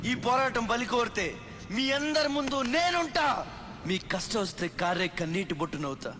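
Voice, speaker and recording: High-pitched, fiery rebel leader. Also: male voice, lively intonation, moderate pace, pushed and bright, slight background noise, heavily acted. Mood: fiery, defiant. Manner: declamatory, emphatic, commanding. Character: fierce defiant male rebel leader rallying the downtrodden. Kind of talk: heroic film oratory. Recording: long hall reverb, music underneath.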